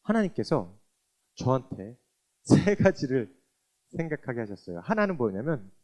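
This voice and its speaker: A man's voice: mid-range voice, normal speed. A man, a church deacon, giving a testimony and acting out remembered exchanges as he tells his story. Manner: animated, acts out remembered exchanges.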